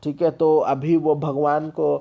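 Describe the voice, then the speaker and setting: A male teacher with an Indian accent, explaining a poem in a lesson, reading English lines slowly and then explaining them, often checking in with short asides. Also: on the high side, flat delivery, vocal fry, lo-fi sound.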